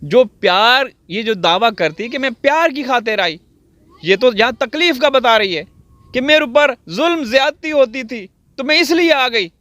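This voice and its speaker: Outdoors on wet farmland, a man from Pakistan delivers sarcastic, theatrical, mocking commentary directly to his viewers. His voice is extremely high and sharp, with lively intonation and normal speed. The recording is dry.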